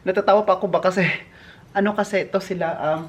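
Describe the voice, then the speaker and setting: A man's voice: sits high, steady tone, fast talker. A man from the Philippines vlogging while he works at a hotel, chatty and gossipy, laughing often. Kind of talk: casual chatty vlog. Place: indoors in a hotel. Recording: roomy echo.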